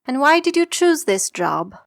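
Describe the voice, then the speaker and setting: A woman's voice: high-pitched, sing-song, moderate pace, creaky, no echo, clean studio sound. A woman playing an exam examiner, asking scripted questions politely and formally.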